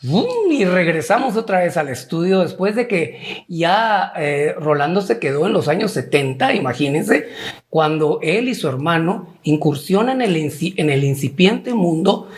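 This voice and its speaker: A man's voice: a little high, expressive, normal speed, husky. A man from Guatemala co-hosting a casual talk show, playful and joking, rambling with many restarts. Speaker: co-host.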